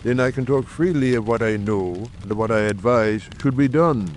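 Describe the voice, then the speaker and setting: Here a man voices an earnest, canny member of a secret coal-town brotherhood for an audiobook drama, arguing formally and persuasively with confidence. The medium-pitched voice is a little mellow and lightly acted, moving at normal speed over a faint background noise.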